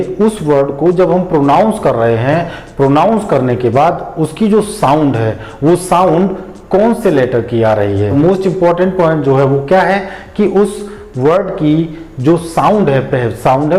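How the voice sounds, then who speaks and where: A man teaching English pronunciation, patiently explaining step by step and repeating example words slowly. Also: fairly high pitch, warm tone. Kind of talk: explanatory lesson. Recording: echoey room.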